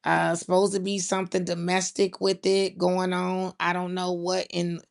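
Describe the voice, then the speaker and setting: A woman's voice: on the low side, completely flat delivery, moderate pace, creaky. A woman host, chatting casually on a livestream and talking straight to her viewers in the chat. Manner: chatty, talks straight to the chat, says y'all.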